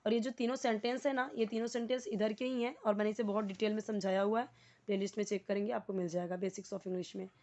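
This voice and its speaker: A woman's voice: mid-range voice, fairly even intonation, fast, a little mellow. A woman teaching spoken English grammar, explaining each word and phrase step by step, with frequent repetition and questions to viewers. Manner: explains word by word, repeats terms, asks viewers to comment.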